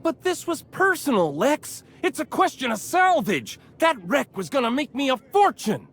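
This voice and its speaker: Whiny hotheaded scavenger Freddy. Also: male voice, a little high, huge pitch swings, a little slow, heavily acted. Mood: indignant. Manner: loud, whiny, boastful. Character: brash hotheaded male salvage scavenger. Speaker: game character.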